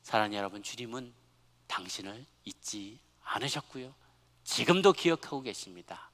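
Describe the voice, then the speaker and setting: A male pastor giving a sermon, moving between relaxed personal storytelling and fervent, emphatic preaching to his congregation. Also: lowish voice, moderate pace. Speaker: senior pastor. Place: large church sanctuary. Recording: long hall reverb.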